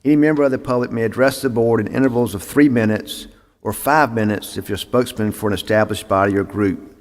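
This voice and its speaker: A man's voice: lowish voice, fast. A man chairing a city board meeting, reading procedure formally with frequent "uh" fillers, on a meeting microphone. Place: city hall meeting chamber. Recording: echoey council chamber.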